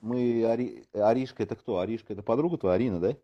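A man's voice: mid-range voice, quick pace, highs cut off, soft background music. A man recruiting online hosts in a casual chat, rambling with lots of fillers and joking asides.

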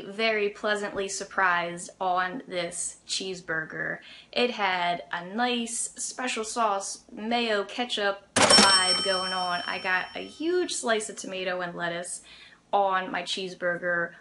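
A woman's voice: medium pitch, bright, forceful tone. A young adult woman hosting a food review, talking casually to camera with lots of "you know" and "like". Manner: chatty, with fillers like "you know" and "like".

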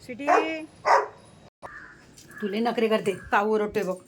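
A woman's voice: mid-range voice, animated, unhurried, very noisy. A woman, feeding her pets and the crows, talking to them in coaxing, sing-song baby talk. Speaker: vlogger feeding animals.

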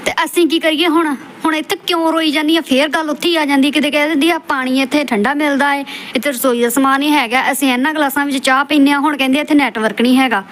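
A woman's voice: high voice, steady tone, quick pace, few pauses, a bit bright, slight background noise. A woman hosting a roast, scolding and insulting the subject of a clip in a lecturing, scornful way. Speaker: roast channel host. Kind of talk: scolding roast commentary over clips.

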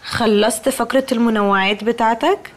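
An actress playing an impatient, imperious, spoiled young daughter in a TV comedy, curt, in affected upper-class Egyptian Arabic. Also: female voice, fairly high pitch, steady tone, brisk, lightly acted. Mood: impatient, suspicious. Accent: Egyptian Arabic, affected upper-class with English words. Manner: curt, haughty. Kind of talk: TV comedy acting.

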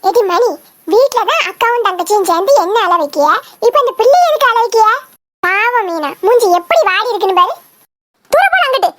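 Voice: very animated, fairly quick, a bit bright, full character voice. A voice actor playing a group of cheeky village schoolchildren in a cartoon, squabbling and teasing. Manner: teasing, squabbling, shrill giggling. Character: chattering village schoolkids, boys and girls, cheeky. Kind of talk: cartoon voice acting.

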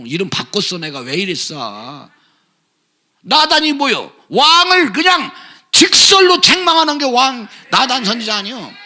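Older male preacher, fiery and sarcastic, shouts then mutters; gravelly, husky tone. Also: high-pitched. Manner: shouting, sarcastic, scolding, swings from loud to muttered. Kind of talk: fiery political sermon.

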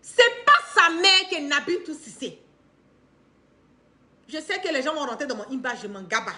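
Speaking at normal speed in an extremely high voice with lively, swinging intonation, a middle-aged Ivorian-accented woman from Ivory Coast livestreams impassioned, unscripted commentary to camera from her living room. She gestures animatedly with her hands and hammers her points through emphatic repetition.

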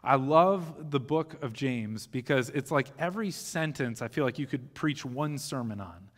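A man's voice: medium pitch, animated, normal speed. A man in his thirties, a pastor, giving a conversational teaching sermon on a church stage with a live audience. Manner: conversational teaching with occasional restarts, gesturing on stage. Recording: long hall reverb of a church sanctuary.

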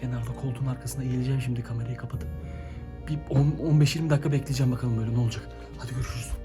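A man vlogging at home with dramatic, breathless talk that often drops to hushed whispers. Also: mid-range voice, steady tone, racing, over music. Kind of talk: excited vlog narration.

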